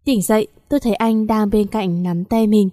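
A woman's voice: medium pitch, fairly even intonation, moderate pace, warm tone, no echo, studio quality. A woman narrating a first-person story in an emotional, heartfelt way.

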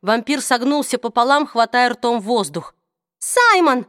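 A woman narrating a novel in a clear, steady reading voice. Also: on the high side, normal speed, dry recording, studio quality. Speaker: audiobook narrator. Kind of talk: scripted narration.

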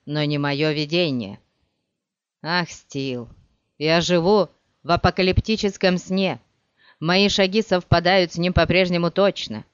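Blind young emperor, calm and bossy, kinda prophetic, reader doing him, dull dry audiobook sound. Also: medium pitch, smooth, no room sound, lightly acted. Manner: steady, commanding, prophetic. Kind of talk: audiobook character reading.

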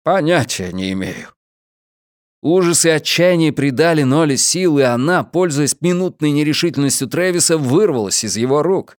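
A man's voice: fairly high pitch, normal speed, hardly any pauses, no room sound, clean studio sound. A man reading a novel aloud as a narrator, with a tense, dramatic delivery. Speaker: audiobook reader. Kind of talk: scripted narration.

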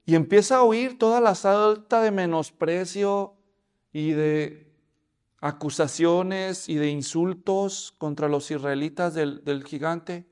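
A man's voice: on the high side, slow, darkish tone, clear, resonant tone. A man preaching a sermon, telling the story and asking the congregation questions. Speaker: pastor.

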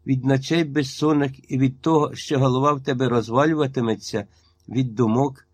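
A man's voice: mid-range voice, steady tone, brisk, no echo, close to an everyday voice. A man reading a story aloud and voicing a stern old village witch woman with a harsh, iron-hard manner.

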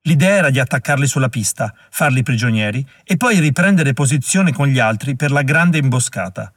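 A man's voice: medium pitch, expressive, fairly bright tone, no room sound. Man reading an audiobook, dry sound. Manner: measured, slowing at dramatic moments. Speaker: audiobook reader. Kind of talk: scripted audiobook narration.

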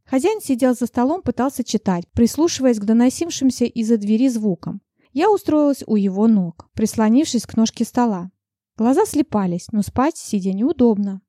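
Brief: female audiobook narrator, first person, mellow and measured, dry booth sound. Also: fairly high pitch, lively intonation, dry recording.

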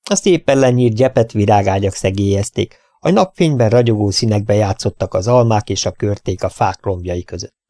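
A man reads a first-person story aloud in a calm, steady way. His voice sits fairly low and sounds dry and close to the mic, with no room sound. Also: few pauses, no echo. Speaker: audiobook reader. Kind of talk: first-person audiobook narration.

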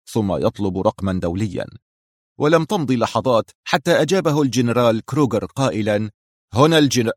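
A man reading a spy novel aloud in a steady, measured narration. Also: fairly low pitch, no echo, clean studio sound. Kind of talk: scripted storybook narration.

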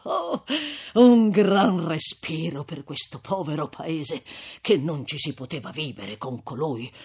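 An older village priest, fearful by nature, now chuckling and gloating in a husky voice that swings high and low. He rambles, hesitates, then rushes on, as a man reading a classic novel puts him on. It is a lively audiobook reading. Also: exaggerated voice. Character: old timid gossipy village priest, man.

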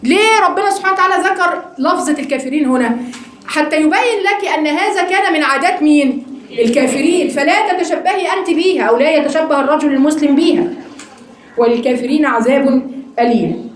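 Fast, high-voiced Egyptian woman teaching. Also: reverberant. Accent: Egyptian Arabic. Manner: lively teacher asking the class questions. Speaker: Quran study teacher. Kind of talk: religious lesson to a women's class.

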